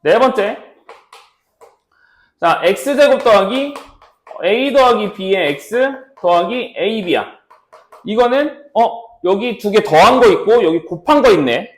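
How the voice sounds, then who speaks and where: Man, math teacher, classroom lecture, repeats steps, high voice, echoey room. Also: expressive, slow pace. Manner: checks in often with students, repeats steps.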